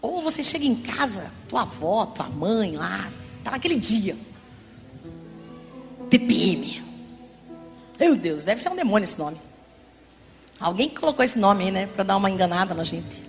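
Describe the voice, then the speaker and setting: A woman pastor preaching a sermon in an animated, theatrical way, acting out everyday examples. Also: mid-range voice, normal speed. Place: church service. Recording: long church reverb, music behind.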